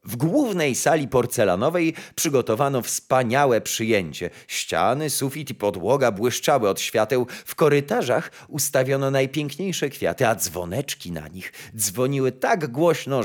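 Expressive man reading a fairy tale. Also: medium pitch, unhurried, few pauses. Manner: expressive storytelling. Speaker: narrator.

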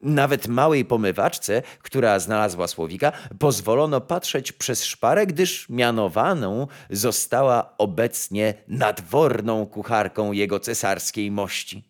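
A man narrating a fairy tale in an expressive storytelling manner. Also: on the low side, measured pace, hardly any pauses.

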